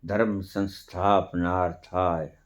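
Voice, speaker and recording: Guy preaching a spiritual talk, real slow and emphatic, keeps asking the crowd questions. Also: low voice, little pitch movement. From India. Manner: mixes in English phrases. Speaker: spiritual teacher. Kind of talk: spiritual discourse.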